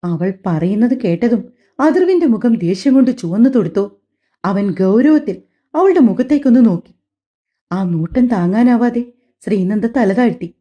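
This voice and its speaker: A woman narrating a family drama audiobook in a calm, emotive storytelling way, on slightly dull lo-fi audio. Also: on the high side, moderate pace.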